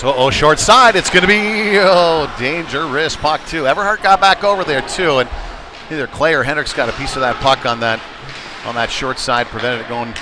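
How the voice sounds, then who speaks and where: A man with a mid-range voice calls a hockey game live from the ice rink, tossing in casual asides between plays. The broadcast is noisy, with music playing over the venue speakers behind him.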